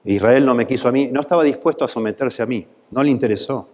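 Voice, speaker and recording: A man's voice: medium pitch, quick pace, a little mellow, long reverb tail. A man with a Rioplatense Spanish accent preaching a sermon, voice swelling into impassioned pleading at its peaks. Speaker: pastor.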